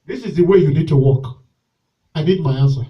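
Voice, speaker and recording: A male pastor preaching a sermon with call and response, moving between shouted exhortation and quiet pleading during a church service. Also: a little high, animated, a little fast, distant mic, highs cut off.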